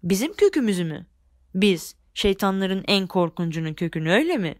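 A woman voicing a boastful male devil chief who shouts and mocks, in a storybook reading. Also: mid-range voice, sing-song, a little fast, dry recording, clean studio sound, lightly acted. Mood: scornful. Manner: loud, shouting, mocking.

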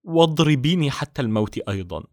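A man's voice: medium pitch, very animated, moderate pace, dry recording, clean studio sound, voice pushed up. A man doing a frightened young maid. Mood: pleading. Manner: pleading and fearful. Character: timid frightened young maidservant.

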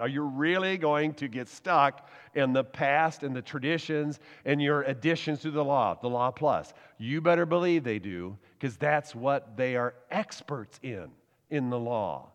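A man preaching a sermon, telling the story in a lively, animated way with laughs and acted-out quotes. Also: medium pitch. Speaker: pastor. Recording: long hall reverb.

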